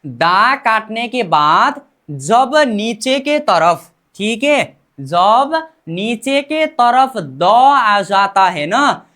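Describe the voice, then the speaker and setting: Lady teacher going over korean grammar real slow, repeats every example, keeps asking "what do we say?". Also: on the high side, fairly bright tone. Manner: repeats example phrases slowly and quizzes the learner. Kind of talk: explaining grammar step by step.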